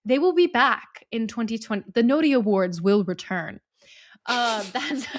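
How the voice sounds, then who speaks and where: A woman co-hosting a podcast in casual chat, playful and quick to laugh. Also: fairly high pitch, a bit bright. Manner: playful, giggly, bubbly. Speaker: podcast co-host.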